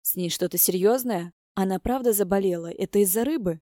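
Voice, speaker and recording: A woman's voice: medium pitch, fairly quick, warm tone, no room sound, studio quality, lightly acted. A woman voicing a stubborn, anxious young man who is about to become a father.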